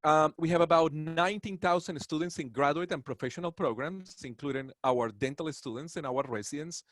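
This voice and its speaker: A Colombian man with a Colombian Spanish accent, a dental professor, gives a webinar lecture on dentistry, earnest and proud, wandering into rambling asides. His voice is fairly high and fairly quick, with no echo.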